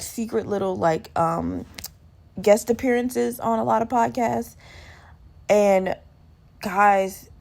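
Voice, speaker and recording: Having just woken up, a woman hosts her solo podcast in a slightly gravelly morning voice, sleepy and growly with lots of vocal fry. Her mid-range, somewhat mellow delivery wanders loosely, candid and self-deprecating, with casual swearing.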